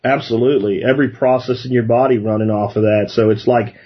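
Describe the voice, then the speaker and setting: A man hosting a casual interview, thinking aloud in a halting way. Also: medium pitch, steady tone, breathy edge, muffled recording. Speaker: interviewer, host.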